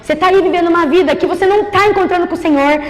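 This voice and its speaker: High-voiced woman preaching in a reverberant church. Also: very fast. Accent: Brazilian Portuguese. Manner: emotional storytelling, swings from loud outcries to hushed tones. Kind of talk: testimony sermon. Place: church sanctuary.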